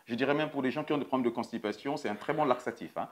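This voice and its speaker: Middle-aged congolese-born dad chatting, hesitant, lots of euh, mid voice. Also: male voice, mid-range voice, rapid-fire. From Republic of the Congo. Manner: hesitant, many fillers and repeats. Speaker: nurse and co-host. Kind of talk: casual chat.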